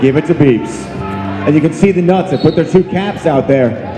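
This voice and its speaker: A man with a high-pitched voice adds live commentary and analysis at a sports event. The sound is echoey, with a very loud crowd and music behind him. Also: moderate pace. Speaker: roller derby co-commentator.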